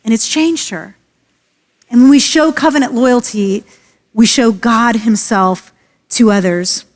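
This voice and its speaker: In a church sanctuary, a woman pastor preaches an earnest, emphatic sermon, slowing down and dropping her voice on key phrases. A long hall reverb trails her words.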